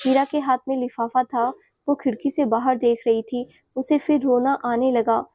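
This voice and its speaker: A woman narrating a romantic audio story in a steady, even storytelling manner. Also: high voice, moderate pace, no echo.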